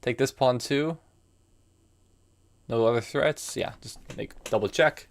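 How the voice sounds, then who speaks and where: Slow and creaky, this mid-range male voice belongs to a young American in his early twenties. He's streaming chess, giving live commentary as he ponders his moves aloud and casually answers chat.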